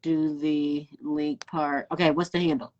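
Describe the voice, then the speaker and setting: Effusive low-voiced woman host. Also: little pitch movement, a little slow, a little mellow, muffled recording. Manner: effusive, enthusiastic, laughs often. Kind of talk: casual interview chat.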